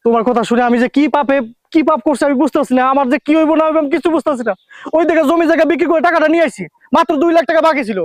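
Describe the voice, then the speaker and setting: Fast, high-pitched, fretful husband. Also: male voice, no echo, studio quality. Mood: despairing worry. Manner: repetitive, agitated, colloquial. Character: anxious, fretful married man, impatient son. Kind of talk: Bengali family TV drama acting.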